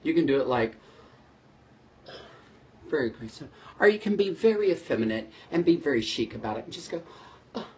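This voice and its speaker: A man's voice: on the high side, animated, fairly quick, pauses often. A man hosting a short etiquette segment, talking casually to camera in a playful, mock-exasperated way.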